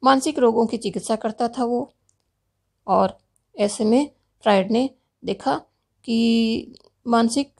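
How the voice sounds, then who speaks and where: Gravelly-voiced woman lecturing. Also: fairly high pitch, takes it slowly, long pauses, darkish tone. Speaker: philosophy lecturer. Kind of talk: recorded university lecture.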